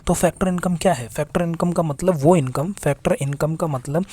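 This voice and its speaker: A young man gives a casual economics lecture, writing on a board while he chats, posing questions and answering them himself and even voicing imagined students. His voice is a little high, dark and husky, at a normal speed.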